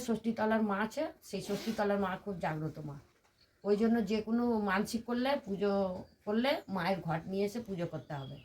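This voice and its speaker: An older woman from West Bengal, a temple devotee, telling her personal story in an interview in an earnest, detailed way. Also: medium pitch. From West Bengal, India. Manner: earnest, detailed recounting with many reported quotes.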